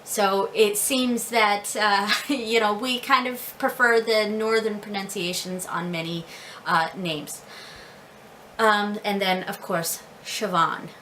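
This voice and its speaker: A woman's voice: medium pitch, steady tone, slow, pushed and bright, slight background noise, low-quality recording. An American woman learning Irish, talking casually to camera about names, laughing often and repeating words carefully. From United States. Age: adult with several children. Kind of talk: casual video lesson.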